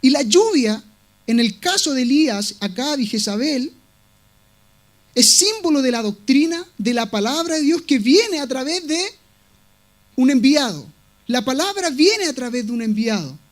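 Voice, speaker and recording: A man's voice: very high-pitched, big pitch swings, measured pace. A male pastor preaching a sermon with emphatic delivery, repeating key words for weight. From Latin America.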